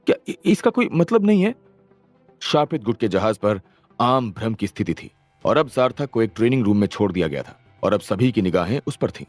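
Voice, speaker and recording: A man's voice: fairly low pitch, expressive, brisk, no room sound, soft background music. A man narrating an audio story with dramatic storytelling.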